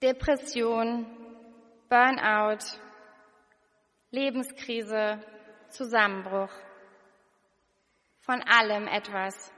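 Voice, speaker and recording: Woman preacher, slow and earnest, bright voice, long hall reverb. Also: a little high, fairly even intonation. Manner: slow, earnest, questioning the listener directly. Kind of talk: sermon with scripture reading.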